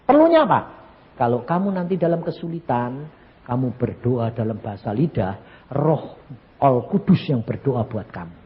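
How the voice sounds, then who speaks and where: This man in his eighties, an evangelist from Central Java, Indonesia, with a Javanese accent, preaches at a moderate pace in a sing-song, mid-range voice. His testimony sermon features animated storytelling with sound effects, recorded in a big-sounding room with the highs cut off.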